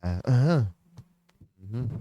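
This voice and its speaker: A man hosting a morning church devotion livestream in a studio, chatty, laughing often and filling pauses. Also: medium pitch, expressive, dark tone, slight background noise. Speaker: devotion leader and livestream host. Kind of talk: casual livestream greetings and devotional talk.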